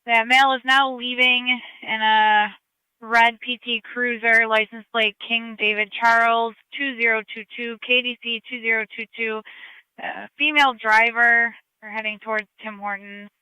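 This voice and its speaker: Police radio dispatcher, super bright n crisp, dry, clipped procedural calls. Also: medium pitch, little pitch movement, moderate pace, no room sound, rough recording. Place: scanner stream of radio traffic.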